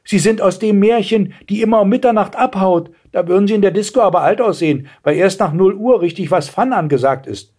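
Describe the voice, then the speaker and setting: A man voicing a cheeky, excitable young girl who gushes and stammers, in a storybook reading. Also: sits high, fairly quick, few pauses, breathy edge, pitched above the performer's own voice. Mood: excited. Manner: stammering, gushing.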